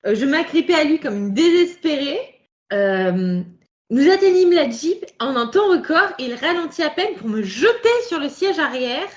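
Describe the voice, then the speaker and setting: High-voiced woman co-hosting a chat podcast. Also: sing-song, normal speed. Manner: laughs often, reads passages aloud. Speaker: podcast co-host. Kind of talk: casual chat.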